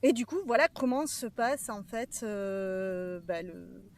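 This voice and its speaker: A woman giving a personal testimony as a podcast guest, earnest and emotionally charged, often pausing to search for words. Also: mid-range voice, lively intonation.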